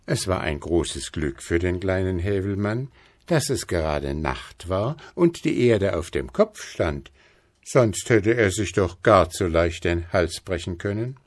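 Slow deep-ish guy reading a fairy tale, very expressive, dry close sound. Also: dry recording. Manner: slow, expressive, lively pitch. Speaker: storyteller.

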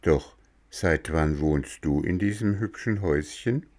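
A man's voice: extremely low pitch, unhurried, darkish tone. A man voicing a remorseful, polite wooden puppet boy in a storybook reading, in a pleading, apologetic way. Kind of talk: storybook narration.

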